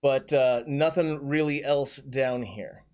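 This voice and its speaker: A man running a tabletop game as game master, with a relaxed manner and many ums and restarts. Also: medium pitch, slow, smooth.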